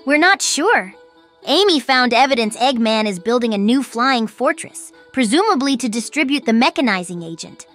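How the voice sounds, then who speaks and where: A woman's voice: a little high, big pitch swings, normal speed, fairly bright tone, faint music behind. A woman voicing an earnest, brainy little boy fox in a comic dub.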